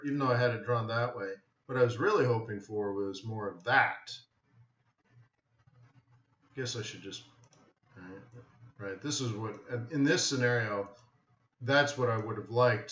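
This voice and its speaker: A medium-pitched man with a sharp tone leads a live trading webinar. He keeps things casual and offhand, thinking aloud and checking in again and again with "right?". Expect dull, roomy webinar audio full of echo.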